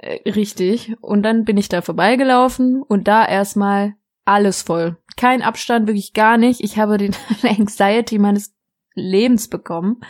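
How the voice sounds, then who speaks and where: Giggly young woman rambling through a story. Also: medium pitch. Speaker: podcast co-host. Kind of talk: casual chat.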